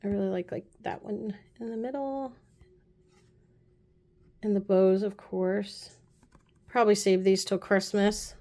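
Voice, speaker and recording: A woman casually chatting through a nail art haul, gushing and often dropping her voice to soft low asides. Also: fairly even intonation, unhurried, long pauses. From United States. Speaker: beauty vlogger. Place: apartment room.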